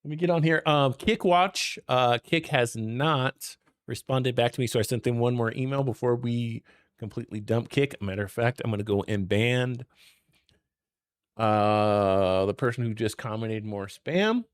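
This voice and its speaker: A man's voice: medium pitch, moderate pace, smooth, no room sound, clean studio sound. A young man hosting a casual gaming stream, chatty and laid-back, talking while his voice is worn. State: losing his voice. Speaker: streamer host.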